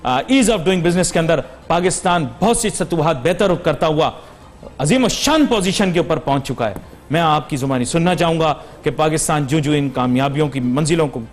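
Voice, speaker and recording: A man from Pakistan hosting a TV business talk show, who needles his guest with sarcastic, provocative challenges. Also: on the high side.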